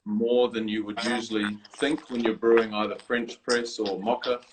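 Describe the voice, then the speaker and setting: A man's voice: fairly low pitch, level tone, normal speed, background noise. A man being interviewed from his office over a video call, explaining a product with many fillers and restarts. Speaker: guest, coffee brewer designer.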